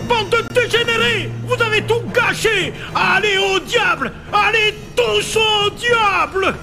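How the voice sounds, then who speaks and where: A man's voice: extremely high pitch, animated, normal speed, over music. A man voicing a proud, vengeful contest challenger in a grandiose, ranting style for a cartoon game dub. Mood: furious. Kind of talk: dubbed cartoon game dialogue.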